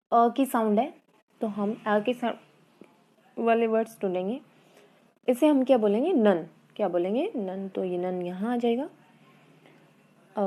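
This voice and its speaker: A woman teacher with a mid-range, mellow voice walks students through an English poem in an online class that mixes Hindi and English. She questions the class, stresses key words by repeating them, and reads the English text slowly and carefully.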